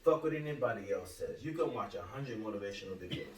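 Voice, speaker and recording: A man in his thirties hosting a podcast, talking earnestly in casual chat with halting restarts. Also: fairly low pitch, expressive. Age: 30s. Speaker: podcast host. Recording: roomy, distant mic with faint hum.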